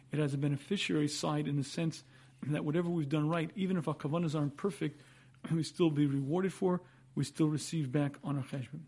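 A man teaches a religious class. His voice is slightly high yet soft-edged and mellow, with a husky rasp and frequent throat clearing. He explains emphatically, using repetition and rhetorical questions. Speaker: rabbi giving a Torah lecture.

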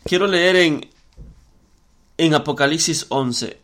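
A man's voice: a little high, slow pace, fairly bright tone. A man preaching a sermon in an earnest way, often repeating words and using fillers as he works through scripture.

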